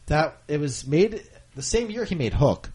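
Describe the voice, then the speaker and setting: A man's voice: a little high, animated, normal speed, a little mellow, breathy edge. A man co-hosting a casual chat, easygoing, asking questions and laughing often. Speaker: podcast co-host.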